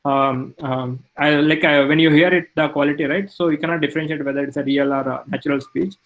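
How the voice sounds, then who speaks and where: A male lecturer giving a technical talk, halting with many fillers. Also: fairly high pitch, steady tone, fairly bright tone, low-quality recording.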